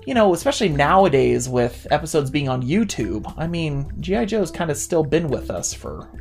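A man in his thirties chats on a casual podcast, his voice rising and falling with lively energy as he trips over restarts and fillers. Faint music plays under him. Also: a little high, moderate pace, gravelly. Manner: animated, many restarts and fillers. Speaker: podcast co-host. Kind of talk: casual chat.

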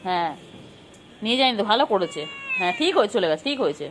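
Woman, rapid speech, cooing baby talk, filmed on a phone outdoors at night, faint background noise. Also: mid-range voice, expressive. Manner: cooing, repetitive, affectionate coaxing. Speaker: vlogger filming street cats. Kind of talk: casual chat and baby talk to cats. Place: empty street at night.

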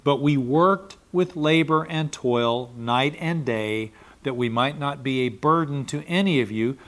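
Seated in a small studio with a lapel mic, a middle-aged man teaches the Bible verse by verse. His voice sits a little high as he explains Greek terms and says them again.

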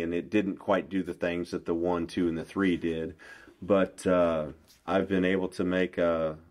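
Deep-voiced fishing pro explaining baits. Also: male voice, a little mellow. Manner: folksy, explains in detail with frequent restarts. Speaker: bass fishing pro and bait maker. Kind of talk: casual explanatory interview. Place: small indoor room at a table.

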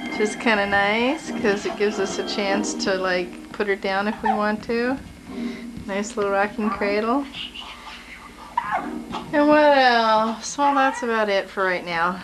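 A woman's voice: mid-range voice, measured pace, over music, rough recording. A mother narrating a home video of her baby in the living room, talking sweetly to the infant while holding a camcorder. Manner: chatty, talks sweetly to the baby. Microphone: handheld camcorder.

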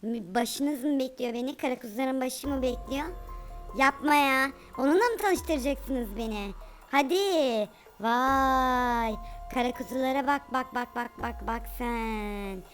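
A woman voicing a brash, tough-talking superhero mother in a comic game role-play, with rough slang and quick repeated bursts. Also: high-pitched, faint music behind. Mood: pleading, sarcastic.

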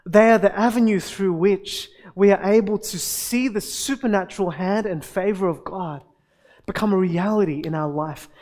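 A middle-aged man preaching a sermon as senior pastor, speaking in an animated, conversational way with a handheld mic at a lectern. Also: high-pitched. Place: church hall with stage and projection screen. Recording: long hall reverb.

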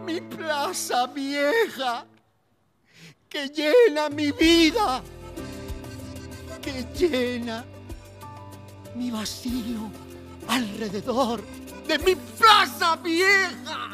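An actor playing a vain middle-aged poet in a telenovela, declaiming grandly like a hammy stage actor. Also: male voice, very high voice, animated, drawn-out words, pauses often, bright, forceful tone, soft background music, full character voice. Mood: grandiose. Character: vain, theatrical older male poet declaiming his verse. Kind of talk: telenovela acting, poetry recital.

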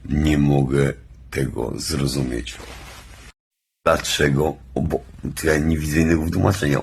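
A man's voice: very deep voice, slight background noise. A man who sounds stoned, rambling sluggishly and casually to his audience with heavy swearing. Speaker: vlogger.

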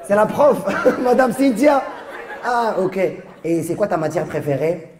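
A man's voice: high voice, lively intonation, a little slow. A male stand-up comedian doing live crowd work, teasing audience members and chuckling through his lines. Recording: roomy live hall with crowd noise.

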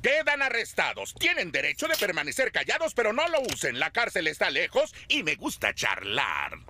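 Swooping, bumbling cartoon police chief. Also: male voice, high-pitched, huge pitch swings, moderate pace, bright, forceful tone, exaggerated voice. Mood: officious. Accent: Latin American Spanish. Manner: officious yet chatty.

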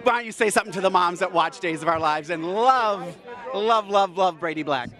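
Gushing red carpet host, bright high-pitched man. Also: brisk. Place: outdoors on a busy red carpet. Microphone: handheld microphone. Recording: outdoor event with crowd chatter.

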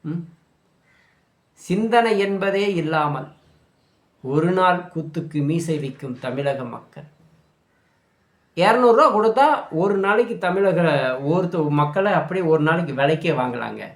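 Male commentator, furious scolding rant, higher-pitched, roomy echo. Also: lively intonation, a little slow, pauses often. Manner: scolding, shouting at the audience. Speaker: political commentator. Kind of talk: angry political rant.

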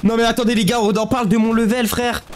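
A man giving casual gameplay commentary, excitable and slangy, often yelling at the game. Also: extremely high pitch, quick pace, background noise. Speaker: gaming YouTuber.

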